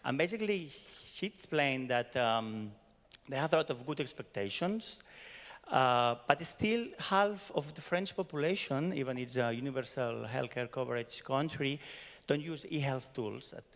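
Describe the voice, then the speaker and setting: With a medium-pitched, slightly bright voice and some vocal fry, a Catalan-accented Spanish speaker from Barcelona recaps a workshop in a chatty conference talk. He keeps adding "no?" to his sentences. The hall gives the audio a long reverb.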